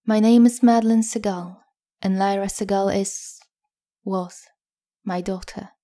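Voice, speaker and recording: A woman voicing a grieving middle-aged mother who speaks quietly, her voice cracking as she stumbles over her words. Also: mid-range voice, steady tone, unhurried, close to an everyday voice.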